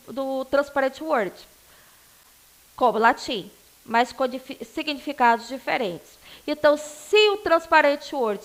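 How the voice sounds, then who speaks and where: A woman's voice: high-pitched, a bit bright. A married woman from Northeast Brazil teaching an English class online, chatty and digressive, with teasing asides to her students. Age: adult, married.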